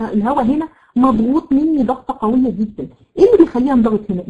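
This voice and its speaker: Egyptian woman teaching tajweed, lo-fi. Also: medium pitch. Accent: Egyptian Arabic. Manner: patient, repeats letters slowly to demonstrate; addresses students by name, checks understanding. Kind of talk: live online Quran recitation lesson.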